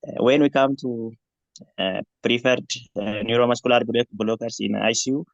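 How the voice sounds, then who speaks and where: A man from Ethiopia, a student answering in an online tutorial, measured with many fillers. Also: mid-range voice, fairly even intonation, gravelly, dry recording. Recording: dry, dull call audio.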